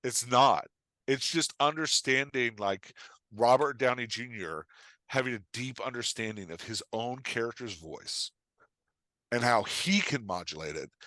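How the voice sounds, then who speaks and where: A writing coach and author appears as a podcast guest, talking casually and emphatically, telling stories and using examples to explain while often checking in with his listener. His voice is medium-pitched and a bit bright, with no echo.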